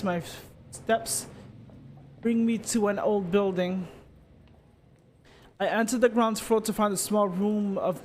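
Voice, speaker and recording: High-voiced man reading a story aloud. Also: a little hiss or hum. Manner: steady reading with occasional slips and restarts. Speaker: streamer.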